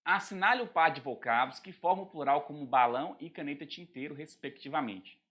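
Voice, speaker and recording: Fairly high-voiced man explaining grammar. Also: fairly quick, muffled recording. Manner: explanatory, repeats "né?" as a check-in. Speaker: teacher. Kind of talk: recorded grammar lesson.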